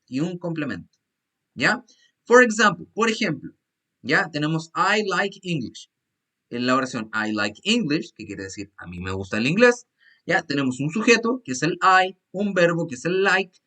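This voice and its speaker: A man's voice: a little high, bright, forceful tone. A male English teacher, explaining grammar rules step by step and often checking in with "¿ya?". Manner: checks in with "¿ya?" after each point. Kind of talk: online class explanation in Spanish.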